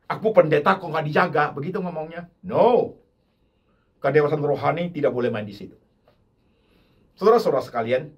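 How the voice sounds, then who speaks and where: Husky older preacher, shouting emphatic repeats. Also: male voice. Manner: swings from low murmurs to loud emphatic repetition, mixing in English words. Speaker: pastor. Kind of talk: sermon.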